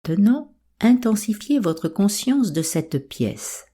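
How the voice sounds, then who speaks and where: A woman with a soft, breathy voice calmly guiding a yoga nidra meditation in an unhurried, soothing way. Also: medium pitch. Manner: calm, soothing, unhurried instruction. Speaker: meditation guide.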